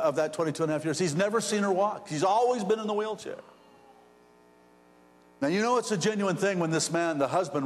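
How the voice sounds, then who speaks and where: A man preaching a sermon, rambling and repeating words as his storytelling builds in excitement. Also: on the high side, long reverb tail. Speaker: pastor.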